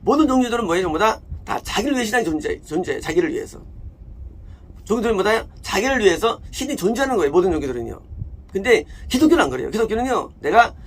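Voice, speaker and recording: A man's voice: sits high, sing-song, fast. A man preaching a sermon as a pastor, emphatic, asking questions and answering them himself. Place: church.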